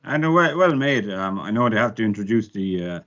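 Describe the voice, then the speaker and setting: A man's voice: on the low side, expressive, fairly quick, fairly bright tone, muffled recording. An Irish man co-hosting a podcast in casual chat, chatty and full of ums and restarts. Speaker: podcast co-host.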